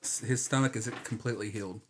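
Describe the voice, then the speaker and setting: A man's voice: lowish voice, steady tone, a little fast, noisy background. A man running a tabletop game as game master, explaining scenes in a casual, chatty way. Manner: casual, explanatory, plays characters in passing.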